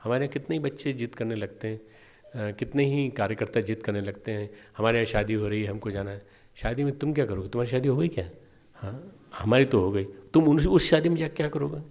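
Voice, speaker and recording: Brief: male spiritual teacher, mid-pitched, storytelling lecture style, repeats for emphasis. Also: brisk, darkish tone. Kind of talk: devotional meditation class lecture.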